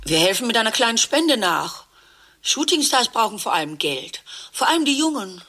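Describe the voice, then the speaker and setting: An actress playing a chatty, sardonic dentist's wife in a radio play, musing in a gossipy way. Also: female voice, a little high, sing-song, normal speed, bright, forceful tone, breathy edge, soft background music, heavily acted. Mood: wry.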